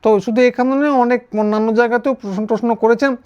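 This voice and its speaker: A man giving a sarcastic political commentary, pausing and restarting often. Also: very high voice, fairly even intonation, a little mellow, smooth. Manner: wry, sarcastic, with frequent hesitations and restarts. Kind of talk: casual political commentary monologue. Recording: dull, lo-fi recording.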